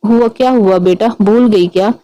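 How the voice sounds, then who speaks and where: A doting old grandmother, fussing over her family with soft, affectionate teasing, as a woman reads her in a storybook. The voice sits mellow and warm, at an even middle pitch. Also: normal speed, lightly acted, rough recording. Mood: fond. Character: elderly loving grandmother, fond and fussing.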